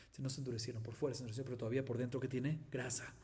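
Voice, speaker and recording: A man from Colombia teaching a Talmud lesson as a rabbi, with animated rising emphasis and frequent rhetorical questions to his listeners. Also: medium pitch. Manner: reads Aramaic text in quick chant.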